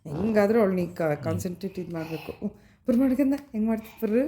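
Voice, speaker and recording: A woman's voice: medium pitch, animated, fast talker. A young woman, a mother in a casual family vlog, coaxing and soothing her baby at home at night in a sing-song voice, recorded on a phone. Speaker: vlogger mother. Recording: home video with loud background noise.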